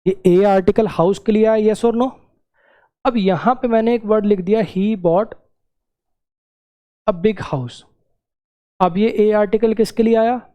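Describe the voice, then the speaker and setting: A man's voice: high-pitched, fairly even intonation, normal speed, warm tone, lo-fi sound. A man teaching English grammar in a classroom-style lesson, repeating key words and checking that students follow.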